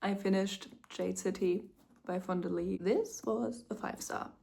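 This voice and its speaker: A young woman reading-vlogging casually, emotional and dramatic, tired and getting sick, so her voice often drops to a soft whisper. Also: mid-range voice, steady tone, measured pace, vocal fry. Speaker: book vlogger.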